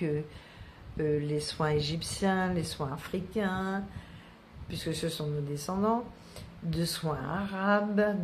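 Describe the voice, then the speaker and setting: A woman's voice: low-pitched, a little mellow. A middle-aged woman from French Guiana, a wellness practitioner talking casually to viewers, rambling with many hesitations and repeated words. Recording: faint background noise.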